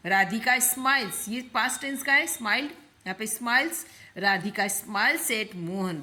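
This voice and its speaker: A woman teaching English grammar, slowly repeating each example sentence and explaining it. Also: on the high side, pushed and bright.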